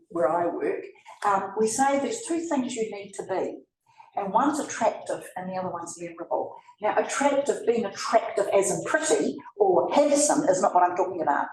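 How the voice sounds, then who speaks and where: A woman with a New Zealand accent, pitched in the middle with a darkish tone, presents a conversational talk to a live audience in an event room, turning to her listeners with asides. The recording is roomy and distant, with a little hiss or hum.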